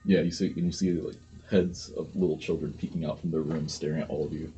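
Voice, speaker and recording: A man's voice: extremely low pitch, level tone, fast talker, mellow, faint music behind. A man narrating as game master of a tabletop game, in a hesitant manner. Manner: hesitant, full of ums and restarts.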